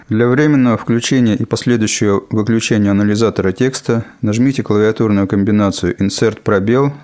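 A man reading scripted instructional narration as an instructor, in a measured, formal manner. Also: fairly low pitch, a little mellow. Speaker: instructor narrating a software lesson.

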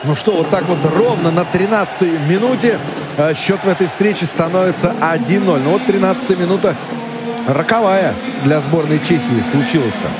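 A middle-aged man describes a hockey match live for listeners. His voice sits high, and his play-by-play is halting, full of stretched hesitations, with music audible behind him. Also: a loud crowd. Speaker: hockey commentator.

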